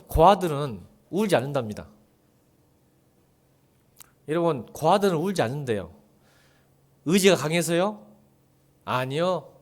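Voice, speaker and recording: A man preaching a sermon as pastor, asking the congregation rhetorical questions and swinging between soft, low lines and loud ones.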